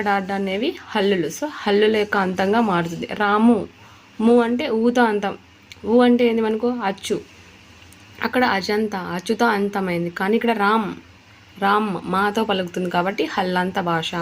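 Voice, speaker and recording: A woman's voice: medium pitch, slight background noise. Woman explaining an exam-prep lesson. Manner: explanatory, repeats key terms, mixes in English words. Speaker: teacher.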